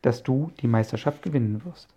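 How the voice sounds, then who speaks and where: A man's voice: medium pitch, fairly quick, dark tone, husky. A man reading a jovial older uncle who tinkers with machines, in an audiobook, hearty and chatty. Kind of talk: audiobook character voice.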